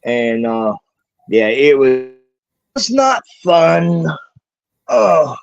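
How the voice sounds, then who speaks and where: A man chatting casually over a crackly call line that cuts in and out, talking haltingly with many restarts. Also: mid-range voice, very animated, vocal fry, no room sound, lo-fi sound. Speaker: guest on a call-in livestream. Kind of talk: casual chat.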